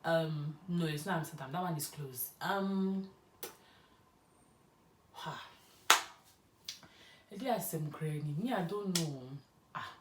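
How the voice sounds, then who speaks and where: A young Ghanaian woman talks through a casual vlog, her Ghanaian English carrying Nigerian touches. Her voice sits low and she rambles in a chatty, storytelling way. The sound is roomy and a little distant from the mic. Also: takes it slowly, long pauses, noisy background. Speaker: YouTuber. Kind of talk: casual get-to-know-me vlog.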